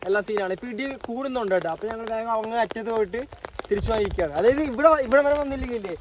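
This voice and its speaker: High-voiced excitable man vlogging outdoors. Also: rapid-fire. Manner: excitable, exclaims often. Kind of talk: casual travel vlog commentary to viewers. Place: rainy hilltop outdoors. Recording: outdoor noise of rain and wind.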